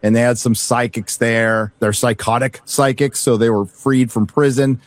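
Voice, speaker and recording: A man's voice: mid-range voice, level tone, moderate pace, no echo. Blunt, sweary man in dry casual chat.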